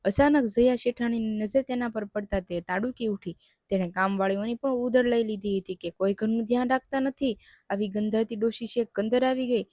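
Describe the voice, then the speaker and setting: A woman narrating a devotional folk tale in a steady, measured reading. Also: fairly high pitch, no echo, clean studio sound. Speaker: storyteller.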